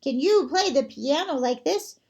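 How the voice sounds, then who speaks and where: A woman voicing an excitable, boastful male toad in a storybook read-aloud, shrill and dramatic. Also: a little slow. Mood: excited.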